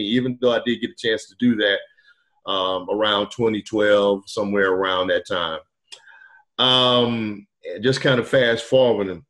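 A middle-aged man, a podcast guest, telling his story in a relaxed, rambling way with many fillers over a video call. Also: fairly low pitch. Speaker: podcast guest, truck driver turned wholesaler. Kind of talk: casual storytelling interview. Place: indoor room, video call. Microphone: webcam on video call.

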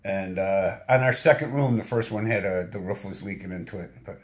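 A man's voice: sits low, brisk. A man in his fifties, a long-distance hiker vlogging with his partner, rambling easily and laughing at his own stories into a phone held at arm's length. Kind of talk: casual chat to camera. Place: hotel room, indoors.

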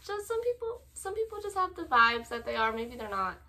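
A young woman in casual chat, reading messages aloud and giving advice in a halting, informal way. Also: fairly high pitch, sing-song, sharp tone. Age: young adult. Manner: halting, informal, filler-heavy. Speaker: co-host reading viewer confessions and giving advice. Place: small room at home, indoors.

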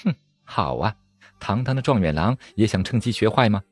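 A man's voice: lowish voice, expressive, normal speed, soft background music. A man reading a storybook aloud, voicing a cold, scornful young female swordswoman who sneers and snaps impatiently.

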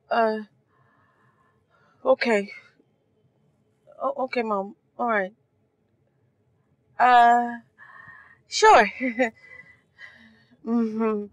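An actress with a Nigerian accent playing an anxious grown daughter in a film drama, speaking haltingly as she humours her parent. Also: fairly high pitch, no room sound. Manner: hesitant, halting. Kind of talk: film drama acting, phone call. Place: inside a car.

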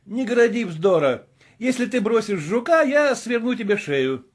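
A man voicing an excitable, obsessed gentleman who exclaims urgently and shouts orders. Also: high-pitched, moderate pace, breathy edge, voice pushed up, full character voice. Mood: excited. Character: excitable obsessed male gentleman, feverish and commanding. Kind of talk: audiobook character voice.

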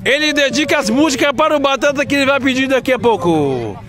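High-voiced man calling amateur football. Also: expressive. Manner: rapid play-by-play, shouted goal calls. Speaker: amateur match commentator and interviewer. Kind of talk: live football commentary. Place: outdoor floodlit football pitch at night. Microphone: handheld phone camera.

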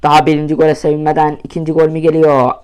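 A young man commentating his own mobile football match, swearing often, shouting at goals and muttering in between. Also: a little high, monotone, very fast, clear, resonant tone. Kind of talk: casual gaming commentary.

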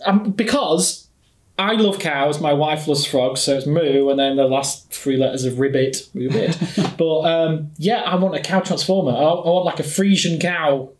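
A man's voice: a little high, unhurried. A man co-hosting a podcast, bantering casually with friends in a jokey, self-deprecating, rambling way. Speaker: podcast co-host. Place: picnic table with friends. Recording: echoey, reverberant room.

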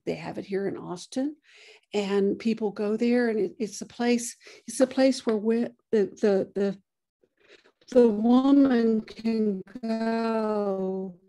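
Halting woman lecturer, mellow tone. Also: mid-range voice. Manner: halting, many restarts and fillers. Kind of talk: lecture presentation.

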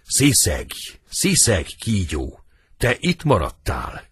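A man's voice: on the low side, wildly swooping pitch, breathy edge, dry recording, clean studio sound, heavily acted. A man voicing a tormented, vengeful middle-aged nobleman in a dramatic audiobook reading. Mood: furious. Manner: raised, declamatory stage delivery.

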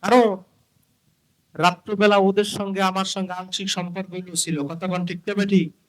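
A man's voice: high voice, little pitch movement, a bit bright, low-quality recording. A male preacher, delivering a chanted, emotional sermon to a gathering and calling out to the crowd. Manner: sing-song, calls out to the crowd, drawn-out chanted lines. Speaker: Islamic preacher.

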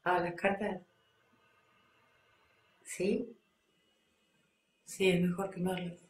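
An actress plays an Argentine woman left by her lover, talking into the phone to a man we never hear. She speaks slowly and softly, letting long pauses hang, in a voice that rings in an echoey room. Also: lowish voice, flat delivery, far from the mic. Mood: hushed, pleading. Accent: Argentine Spanish. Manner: speaks to an unheard caller, breaks into screams and sobs. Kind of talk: stage monologue on the phone.

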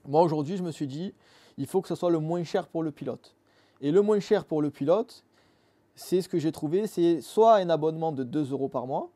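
A man's voice: fairly high pitch, normal speed, warm tone. Earnest man founder, darkish tone. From Marseille, France. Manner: earnest, explains step by step with fillers. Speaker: app founder, guest. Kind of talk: casual interview. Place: dim motorcycle workshop studio.

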